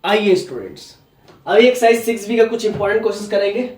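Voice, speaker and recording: Blunt, high-voiced maths teacher from Jharkhand. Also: male voice, fast talker, a little mellow, roomy sound, recorded from a distance. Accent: Hindi from Jharkhand. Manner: blunt, scolding, repeats "है ना?" and "ठीक है?". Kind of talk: classroom maths lecture.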